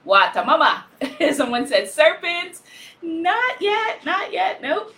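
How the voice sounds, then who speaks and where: A loud, exuberant woman hosting a live stream as an author, reading out viewer comments and cheering often. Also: very high voice, sing-song, slow pace. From Guyanese-Caribbean family. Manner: frequent laughter, cheering chants.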